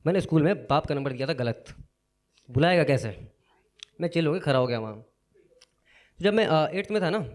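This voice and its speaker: A young man telling a school story on a live comedy stage, in a casual, animated way, acting out the lines of the people in it. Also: on the high side. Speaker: stand-up comedian. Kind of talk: stand-up storytelling.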